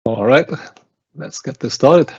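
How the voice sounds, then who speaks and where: A man with a German accent, a customer success engineer, explaining a software installation step by step on a webinar call. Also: medium pitch, takes it slowly, gravelly, husky, highs cut off. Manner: explains step by step while working. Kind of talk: live technical walkthrough. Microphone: video call.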